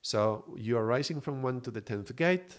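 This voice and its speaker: A man from Mallorca, teaching on a spiritual live stream in an unhurried, reflective way and greeting viewers. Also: mid-range voice, lively intonation. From Mallorca, Spain. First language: Spanish.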